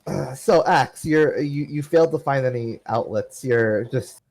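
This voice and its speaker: A man narrating as game master of a tabletop game, hesitant and full of pauses. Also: medium pitch, vocal fry, darkish tone, low-quality recording. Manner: hesitant, lots of uh and restarts.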